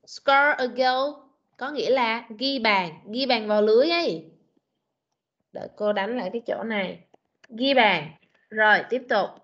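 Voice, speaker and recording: A woman English teacher with a Vietnamese accent, running an online class and drilling pronunciation with slow, patient corrections. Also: a little high, fairly bright tone. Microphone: computer mic on video call. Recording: dull lo-fi video call audio.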